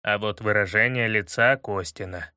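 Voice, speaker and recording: A man's voice: lowish voice, normal speed, pushed and bright, smooth, no echo, studio quality, voice pushed down. A man voicing a moody adult male interpreter with a plaintive, moaning manner in an audiobook reading.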